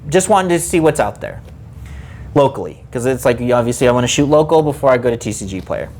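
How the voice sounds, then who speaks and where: Guy on a podcast venting, exasperated, talks in a middle pitch, gets worked up. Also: fast talker, slight background noise. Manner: exasperated, animated ranting. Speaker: card shop co-host. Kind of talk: casual podcast chat.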